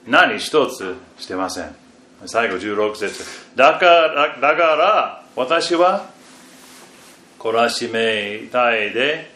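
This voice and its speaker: A man preaching a sermon and reading scripture, halting and restarting, with phrases that often fade very quietly at the end. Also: mid-range voice. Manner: slow and halting, with repeated fillers and restarts. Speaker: pastor. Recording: echoey room, faint background noise.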